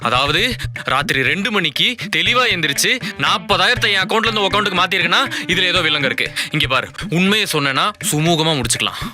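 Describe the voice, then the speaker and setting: Young man, comic narrator, exasperated, slightly high voice, background music. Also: animated, fast talker. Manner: exasperated, addresses the audience directly. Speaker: narrator and husband. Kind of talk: comic short film acting. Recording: music bed under the voice.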